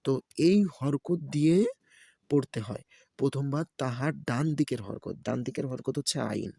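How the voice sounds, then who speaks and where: Gravelly-voiced male tajweed teacher. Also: medium pitch, mellow, no echo, studio quality. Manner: slow letter-by-letter spelling drill, patient and repetitive. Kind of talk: recorded tajweed lesson.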